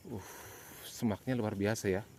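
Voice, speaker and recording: A man's voice: fairly low pitch, measured pace, a little mellow. A man narrating a casual exploration vlog as he walks, with uneasy, pious asides. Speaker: host of a night exploration vlog. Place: outdoors in an overgrown plantation at night. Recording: clearly noisy outdoor night recording. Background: night animal and nature sounds.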